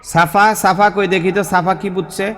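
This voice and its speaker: High-voiced man teaching recitation. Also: flat delivery, fairly bright tone, long reverb tail. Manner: patient, repeats rules slowly, drawn-out recitation. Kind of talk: tajweed lesson.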